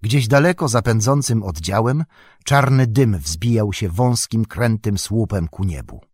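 A man narrating a fantasy audiobook in an even, unhurried storytelling manner. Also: on the low side, husky, no echo, clean studio sound.

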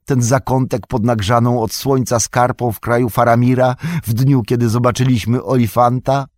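A man's voice: medium pitch, steady tone, normal speed, a little mellow, no echo, studio quality, pitched above the performer's own voice, lightly acted. A man voicing a loyal, earnest young male hobbit servant who pleads with his master in a raised, eager voice. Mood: wistful.

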